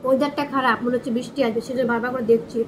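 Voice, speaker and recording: A woman's voice: on the high side, steady tone, very fast, poor audio. A woman with a West Bengal Bengali accent chats casually to viewers over a meal as a food vlogger, sometimes talking with food in her mouth. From West Bengal, India. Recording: clear background noise and ambience.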